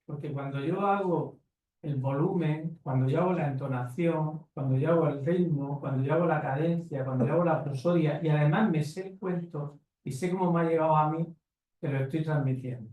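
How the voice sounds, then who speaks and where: A man's voice: fairly high pitch, fairly quick, narrow, tinny audio. A man speaking on a conference panel, making his points bluntly and with rhetorical questions to the audience. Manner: emphatic, lecturing with rhetorical tags. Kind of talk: conference talk answering questions. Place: conference hall. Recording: echoey hall from far off.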